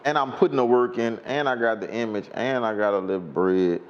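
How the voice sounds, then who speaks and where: A man with a Louisiana accent, a rapper telling a story in a casual interview, animated and given to acting out quotes in a high voice. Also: brisk, highs cut off. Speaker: rapper guest.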